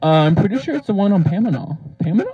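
A man's voice: high voice, sing-song, rapid-fire, slightly rough. A young man co-hosting a casual podcast through an old karaoke microphone that makes him sound like a pilot on an intercom, giving short, hesitant answers. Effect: muffled karaoke-machine mic, like a pilot on an intercom. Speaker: podcast co-host. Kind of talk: casual chat. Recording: dull lo-fi karaoke mic, dry.

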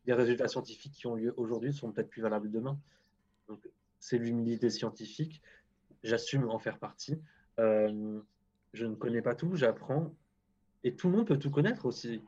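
A man's voice: mid-range voice, moderate pace, warm tone, breathy edge. Guy scientist chatting in an interview, stumbles and restarts a lot, bit muffled lo-fi audio. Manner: hesitant, many restarts, frank. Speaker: guest scientist. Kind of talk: casual interview talk.

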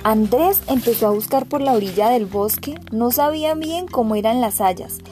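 Woman, storybook narrator, even clear reading, fairly high voice, soft music behind. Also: normal speed.

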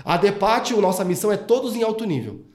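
Male podcast host, humorous and expansive, lively pitch, echoey room. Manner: joking, expansive, quick. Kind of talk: casual podcast chat. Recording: roomy echo.

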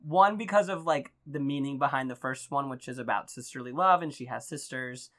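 A woman hosting a casual chat in an informal, halting, teasing way. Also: rumbling low, fairly bright tone. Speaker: podcast host.

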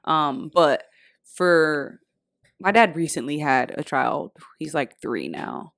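A young woman with a very low, gravelly voice chats on a podcast. She talks hesitantly, stopping and restarting as she thinks, and the sound is dry and close. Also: slow pace, fairly bright tone, no echo. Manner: hesitant, full of restarts and fillers. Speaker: podcast co-host. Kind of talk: casual chat.

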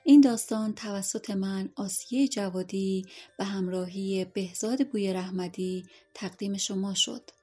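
A woman narrating a short story for a podcast in a calm, measured reading voice. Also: mid-range voice, slightly rough.

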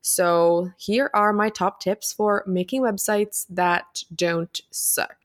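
A woman's voice: mid-range voice, fairly even intonation, slow. A woman hosting a casual solo podcast, giving advice in an upbeat, tidy vlogger style with chatty, slangy informality. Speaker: podcast host.

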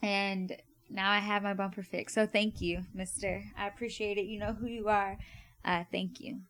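A young woman tells a personal story on her podcast, casual and chatty. Her pitch sits in the middle of the range, and she keeps leaning on "like" and "right?" as she goes. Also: flat delivery, normal speed, fairly bright tone. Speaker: podcast host.

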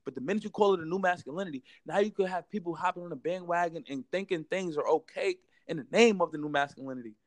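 A man's voice: on the high side, fast, few pauses, no echo. A young American man in a heated casual debate, emphatic and repetitive, full of slang and constantly saying bro.

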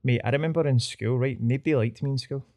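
A man's voice: medium pitch, quick pace, darkish tone. A man with a Glasgow street accent chatting casually as a podcast guest, telling personal stories in slangy, sweary speech peppered with "mate". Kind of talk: casual chat, personal anecdotes.

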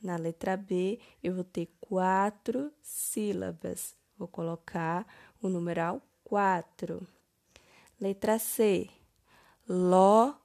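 Woman, teacher, very slow, gravelly, dry close sound, step-by-step homework correction. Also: on the low side, fairly even intonation, a little mellow, no room sound. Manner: slow, step-by-step, stressing each word. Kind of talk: recorded homework correction for first graders.

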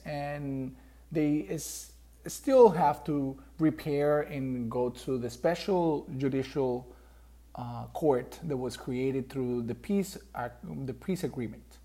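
A man's voice: medium pitch, slow pace, mellow. A man from Colombia with a Colombian Spanish accent, a native Spanish speaker, hosting a solo podcast and explaining politics earnestly with frequent fillers. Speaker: podcast host.

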